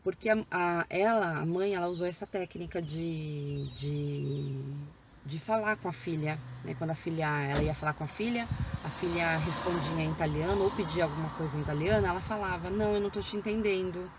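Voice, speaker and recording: A woman's voice: low voice, normal speed, noisy background. A woman, a mother chatting casually in her vlog, with many fillers and restarts. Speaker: vlogger, mother.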